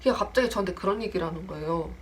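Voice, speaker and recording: She's a young storytelling vlogger in her twenties, racing through a casual tale about a friend and voicing the quoted lines herself. Her voice is lowish and she talks very fast, full of animation.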